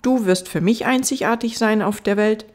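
A woman voicing a gentle, wise fox in an audiobook, earnest and patient as it explains. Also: mid-range voice, normal speed, voice pushed up, close to an everyday voice.

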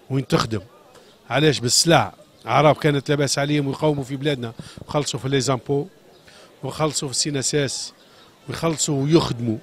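A man from Sfax with a Tunisian Arabic accent, a shoemaker pouring out an impassioned, agitated complaint in a street interview, repeating his questions and pleading. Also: medium pitch.

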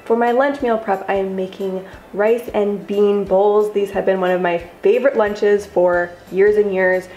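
A woman's voice: medium pitch, fairly even intonation, a little slow, few pauses, dark tone, roomy sound, lo-fi sound, slight background noise. A young woman vlogger talking through her cooking steps in a chatty, upbeat voice-over. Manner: upbeat, chatty, step-by-step instructions. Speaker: lifestyle vlogger. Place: home kitchen.

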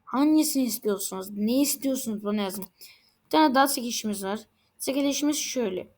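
A fairly high-voiced woman talks through a game in casual commentary. She reacts excitedly and often exclaims as things happen on screen. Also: fast. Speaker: game channel host.

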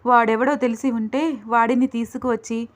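A woman's voice: on the high side, steady tone, normal speed, natural voice. A woman voicing a bewildered young husband who speaks in an earnest, pleading way. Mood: puzzled. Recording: dull lo-fi recording.

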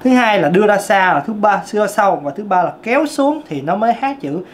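A man's voice: sits high, lively intonation, brisk, slight background noise. Southern Vietnamese tenor man coaching singing. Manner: explanatory, emphatic, repeats key points. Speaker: vocal coach. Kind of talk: singing lesson.

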